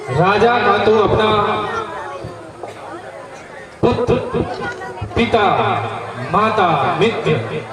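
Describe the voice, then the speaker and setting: Give me a man acting a slow, echoing, high-pitched Ramlila stage king. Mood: solemn, dignified. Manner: solemn, formal, oratorical, with deliberate pauses. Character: noble, dutiful king of an epic, worried about an heir. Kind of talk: Ramlila stage dialogue, declaimed slowly. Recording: echoey outdoor stage, distant mic, crowd noise.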